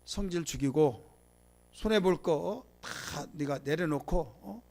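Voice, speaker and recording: A man preaching a Bible lecture to a congregation. He leads call-and-response, has them repeat phrases, and swings from loud emphasis to quiet asides. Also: on the high side, expressive, slow pace, vocal fry. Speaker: pastor. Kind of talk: sermon lecture.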